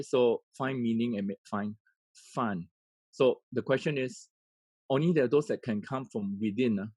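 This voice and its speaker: A man's voice: lowish voice, warm tone, husky, dry recording, low-quality recording. A man, an education coach giving an earnest webinar talk. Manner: earnest, with many fillers and restarts.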